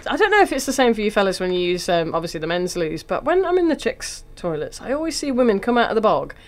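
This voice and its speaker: A woman's voice: mid-range voice, very animated, quick pace. A woman hosting a casual comic chat in a studio, blunt, cheeky and sweary. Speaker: podcast host.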